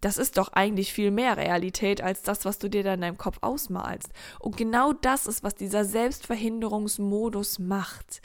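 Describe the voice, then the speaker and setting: Woman, motivational monologue, animated and direct, casual slang, rhetorical questions, mid-pitched voice. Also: moderate pace, hardly any pauses. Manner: acts out inner voices and quotes. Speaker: motivational speaker.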